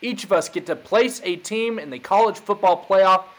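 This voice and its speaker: A man's voice: high voice, normal speed. A man hosting a podcast, talking college football in a hyped, emphatic casual way. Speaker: podcast host. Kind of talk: casual sports chat.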